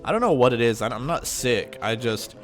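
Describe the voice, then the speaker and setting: With faint music behind him, this congested, slightly nasal man talks in a mid-range voice that's animated and fairly quick. He gives casual gameplay commentary on his channel, rambling along with frequent ums and self-corrections.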